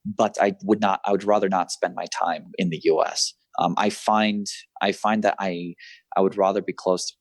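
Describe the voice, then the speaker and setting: There's no room sound around this low-pitched, steady voice: a man in his thirties who served in the military, now writes freelance, and spent his childhood in Southeast Asia. He considers each interview question carefully, with plenty of fillers and restarts.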